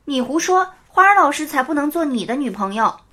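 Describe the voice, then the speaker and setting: 女声扮演的着急告状的小女孩. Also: female voice, high-pitched, very animated, a little fast, sharp tone, voice pushed up, heavily acted. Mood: insistent. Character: little girl, earnest schoolgirl tattling.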